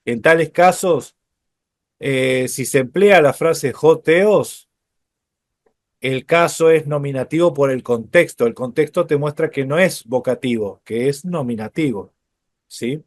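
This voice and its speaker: A man teaching a Bible study lecture, explaining step by step, often checking in with his listeners and pausing on fillers. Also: a little high, no room sound, clean studio sound.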